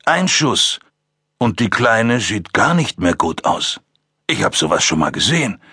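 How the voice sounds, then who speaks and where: A man voicing a calm, amused male serial killer who talks down to two cops in a mocking, drawn-out way. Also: on the low side, breathy edge, no room sound, clean studio sound, full character voice. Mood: taunting. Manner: mocking, taunting, drawn-out delivery.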